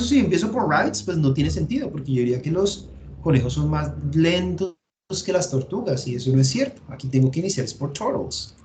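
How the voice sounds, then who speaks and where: A man's voice: fairly high pitch, darkish tone, a little hiss or hum. A man with a Colombian Spanish accent, teaching an English grammar class online and explaining each step patiently while thinking aloud.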